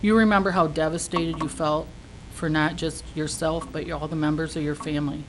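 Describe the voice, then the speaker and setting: Female citizen speaker, slightly low register, indignant prepared statement, faint background noise. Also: steady tone, fairly quick, rough recording. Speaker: citizen giving public comment. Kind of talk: prepared speech of complaint. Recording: faint noise, meeting room.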